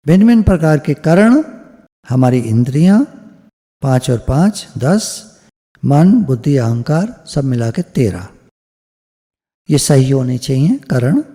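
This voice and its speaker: A man's voice: fairly high pitch, creaky, mellow. A man giving a devotional sermon over a video call, explaining step by step and slipping English phrases into his Hindi, in an echoey recording. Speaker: spiritual discourse speaker.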